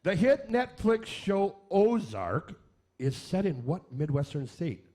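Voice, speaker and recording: Jokey and irreverent, this comedy radio variety show's quiz host reads questions aloud and cracks wise between them. He has a high, warm voice with big pitch swings and a slow pace.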